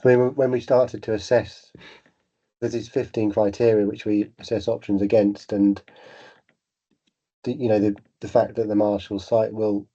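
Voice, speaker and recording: A man with a bad cold presents at a meeting in a low, muffled, congested voice. His delivery is hesitant and very even, with a husky edge and dull recorded sound. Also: normal speed.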